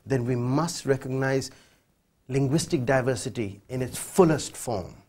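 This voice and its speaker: A man's voice: medium pitch, unhurried, darkish tone. Emphatic man with a Fiji Indian accent. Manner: emphatic, articulate, formal vocabulary. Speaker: human rights official, interview guest. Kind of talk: impassioned TV interview answers. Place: TV studio. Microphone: lapel mic.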